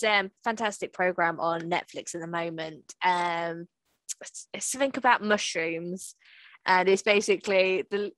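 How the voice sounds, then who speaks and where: A woman talks about her art over a video call, slow and unhurried, thinking aloud as she goes. Her speech wanders and fills pauses with ums. The sound is dry and close. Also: mid-range voice, fairly bright tone, no room sound. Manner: reflective, rambling, many fillers and laughs. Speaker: podcast co-host and artist. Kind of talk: casual talk about her artwork.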